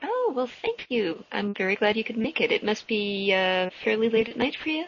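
A woman hosting a casual online podcast, talking in a halting way as she searches for words, over a voice call. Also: fairly high pitch, big pitch swings, slightly rough. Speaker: podcast host. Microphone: internet voice call. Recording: lo-fi internet call audio.

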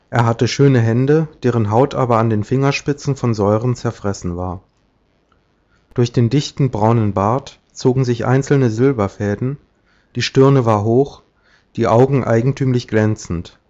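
A man narrates a classic story in a measured, even manner at a middle pitch. The recording is dull and lo-fi. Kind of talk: audiobook narration.

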